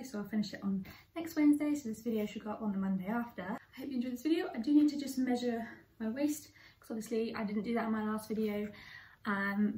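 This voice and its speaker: A woman's voice: fairly high pitch, darkish tone, husky. A young adult woman vlogging casually to camera from her bedroom, chatty and full of little asides. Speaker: fitness vlogger. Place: cluttered bedroom.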